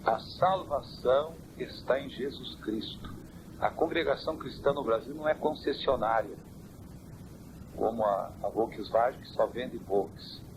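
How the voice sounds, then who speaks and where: Man, church elder, measured preaching answers, old cassette with heavy hiss, mid-range pitch. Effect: old worn cassette tape. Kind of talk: interview answers. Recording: hissy worn cassette tape.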